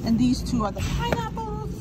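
A talkative Southern woman with a high, bright-sounding pitch films herself shopping and keeps chatting to her viewers. Her phone picks her up among the loud clatter and hum of a busy store. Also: very animated, normal speed. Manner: chatty, keeps addressing viewers as "you guys". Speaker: vlogger. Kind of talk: casual shop-with-me vlog. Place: grocery store aisles. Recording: loud store background noise.

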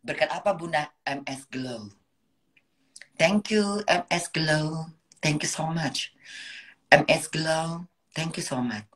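A woman's voice: low voice, slow, pauses often, a bit bright. Chatty woman live-streaming. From Indonesia. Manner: chatty, meandering, talks to viewers, refers to herself as Bunda. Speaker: livestream host. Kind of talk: casual live-stream chat reading comments.

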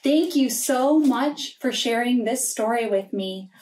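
A woman's voice: fairly high pitch, slow pace, darkish tone, slight background noise. A woman as a children's librarian, reading stories aloud with gasps and sing-song animal noises. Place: library room. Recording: roomy, distant camera audio.

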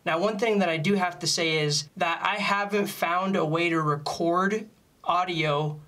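This man's bright, forward voice is a bit high for a male, with fairly even intonation and an unhurried delivery. He presents a casual step-by-step music gear tutorial, laying out each point plainly as an informal instructor.

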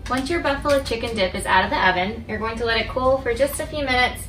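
A young woman giving a step-by-step cooking demonstration in her home kitchen, explaining each step clearly to the viewer. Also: on the high side, fast, fairly bright tone, distant mic, faint music behind. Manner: clear, instructive, addresses viewer directly. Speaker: cooking instructor. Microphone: camera across the kitchen. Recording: echoey kitchen, voice from off-mic, household noise.

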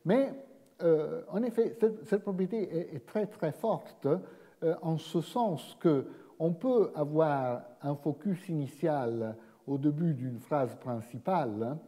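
A man giving an academic seminar lecture in a measured way, pausing often and restarting his phrases. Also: fairly high pitch, dark tone. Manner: measured, frequent hesitations and restarts. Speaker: guest lecturer. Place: lecture hall. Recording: long reverb of a lecture hall.

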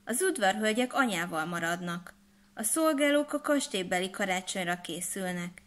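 A shy young princess girl from a storybook, read by a woman narrator. She speaks softly and gently, with a wistful, quiet manner. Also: medium pitch, lively intonation, close to an everyday voice. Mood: sighing.

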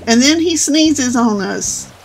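A woman's voice: sits high, lively intonation, takes it slowly, gravelly, slight background noise. An older woman hosting a gaming channel, chatting casually as she plays and talking to the characters. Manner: chatty, talks to game characters. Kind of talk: casual gameplay commentary.

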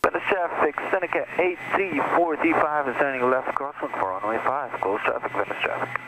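A man's voice: mid-range voice, fairly quick, poor audio. A man speaking as a pilot over the aircraft radio, giving terse, procedural traffic calls.

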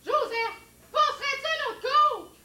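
A woman's voice: very high-pitched, a little slow, bright, forceful tone, exaggerated voice. A woman with a Québécois accent acting on stage as a complaining housewife nagging her husband. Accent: Québécois French. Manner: whiny, complaining. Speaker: stage actor. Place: theatre stage. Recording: echoey stage audio.

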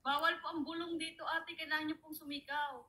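A woman's voice: high-pitched, flat delivery, a little fast, pushed and bright. A woman hosting a casual livestream, teasing her guests playfully and laughing through her lines. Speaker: livestream host.

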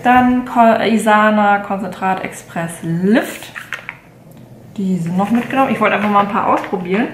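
A woman in her late twenties talks through a shopping haul in a relaxed, rambling way, full of little fillers and self-corrections. Her voice sits at an ordinary middle pitch. It is recorded by a camera at desk distance in a room with a clear echo and a faint hum of room noise. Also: normal speed. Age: 20s. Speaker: beauty vlogger. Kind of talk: casual haul vlog. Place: bedroom at home, indoors.

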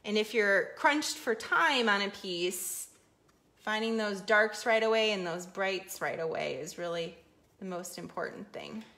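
A woman's voice: medium pitch, unhurried. Chatty woman teaching a live painting demo. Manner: chatty and relaxed, talking while she paints; loose, easygoing explanations with frequent "um" and "kinda". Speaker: painting instructor hosting a live paint-along.

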